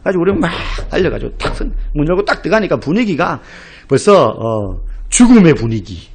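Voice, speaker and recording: A middle-aged Korean pastor delivers a sermon in a high, lively voice that swings widely in pitch. He tells stories vividly, acting out the people he quotes. He rises to loud, emphatic exclamations. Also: a little fast, breathy edge.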